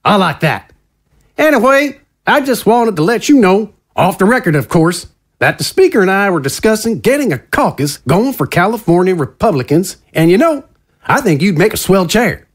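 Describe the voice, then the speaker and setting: Voicing a smooth, folksy conservative politician who glad-hands like an insider, this male actor in an audio drama sounds chummy and insinuating. His voice sits high and is very animated, at a normal speed.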